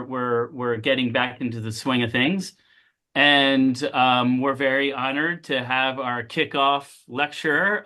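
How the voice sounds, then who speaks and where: A man hosting a lecture series introduces a guest, halting at first with many fillers, then reading a prepared bio. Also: mid-range voice, pushed and bright.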